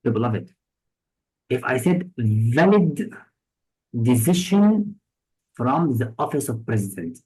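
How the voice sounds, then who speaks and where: Slow, patient male vocabulary teacher. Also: mid-range voice, warm tone, rough recording. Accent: Egyptian. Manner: patient, explains with many examples and synonyms. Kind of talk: test-prep lesson explaining words.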